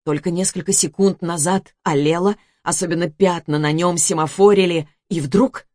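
A woman narrating an audiobook in a steady storytelling voice. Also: lowish voice, moderate pace, no echo, studio quality.

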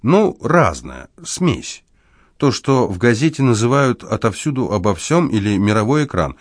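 A man's voice: lowish voice, sing-song, moderate pace, dry recording, studio quality, pitched above the performer's own voice. A man voicing a confident young con man who talks in a breezy, joking way. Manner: breezy, good-humored, mock-serious. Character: smooth confident young male swindler, playful.

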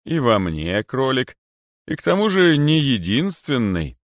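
A man voicing a haughty, menacing python king who rules the boas, speaking slowly with a stern hiss in a storybook reading. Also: medium pitch, sing-song, no room sound, clean studio sound, voice pushed up. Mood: slow disdain. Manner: slow, hissing, stern delivery.

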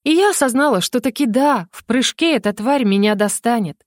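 A woman narrating a first-person fantasy audiobook in a lively, ironic way. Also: on the high side, fairly quick, no room sound, studio quality.

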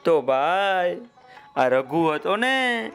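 High-voiced man telling a children's story. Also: sing-song, drawn-out words, clear, resonant tone, soft background music. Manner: warm, addresses listeners by name.

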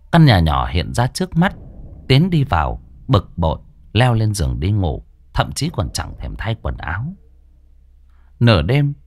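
A man's voice: fairly low pitch, darkish tone. A man narrating an audio story in a dramatic, earthy, colloquial way.

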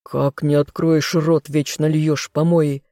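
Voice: medium pitch, flat delivery, slow, dark tone, no echo, studio quality. A reader voicing a proud, protective elf nobleman in a fantasy audiobook. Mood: angry.

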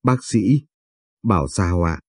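A man's voice: medium pitch, lively intonation, measured pace, warm tone, husky, no room sound, studio quality. A man voicing a distraught young woman pleading tearfully at her mother's sickbed.

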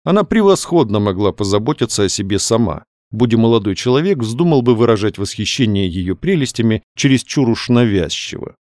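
Man narrating an audiobook, lively delivery. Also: fairly low pitch, a little fast, few pauses, no room sound, studio quality. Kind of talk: scripted narration.

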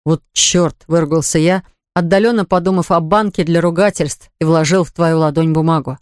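A man's voice: on the high side, steady tone, brisk, smooth, no room sound, studio quality. A man narrating an audiobook in the first person, reading evenly and voicing dialogue plainly. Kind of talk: scripted narration.

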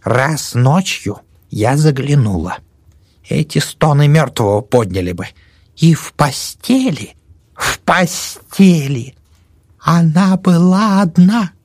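A man voicing a shrill, superstitious old woman who scolds and whispers accusations. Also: expressive, slow pace, darkish tone, no room sound, clean studio sound, heavily acted. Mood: shrill scolding.

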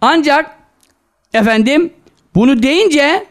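A man preaching a sermon, animated and scolding, firing rhetorical questions and mixing in quoted Arabic scripture. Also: very high-pitched, slow. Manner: mixes quoted Arabic scripture into his talk. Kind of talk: sermon to a live gathering.

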